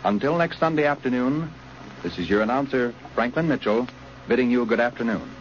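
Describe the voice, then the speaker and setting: A man's voice: medium pitch, a little fast. Male radio announcer, formal and declamatory, old 1930s radio sound, dull and lo-fi with faint hiss. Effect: old 1930s radio broadcast.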